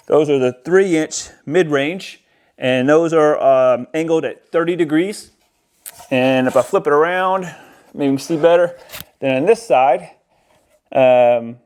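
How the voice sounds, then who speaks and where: Indoors in a house near a window, an American audio-video installer unboxes and demonstrates a product. His voice is a little high with a darkish tone, and he explains things casually, informally, and somewhat hesitantly.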